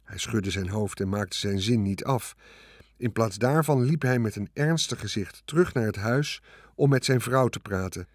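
Male narrator, audiobook, calm measured reading, mid pitch, dry close sound. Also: dry recording.

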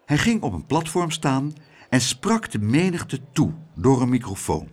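Male audiobook narrator for a children's story, very animated intonation, lively delivery. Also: mid-range voice, unhurried.

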